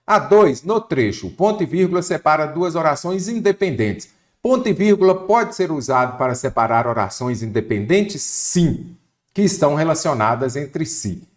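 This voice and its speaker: A Brazilian man from Minas Gerais with a Brazilian Portuguese accent teaches an online exam-prep lesson. His pitch rises and falls a lot as he quizzes the viewer and answers himself step by step. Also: expressive, normal speed. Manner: didactic, asks and answers his own questions.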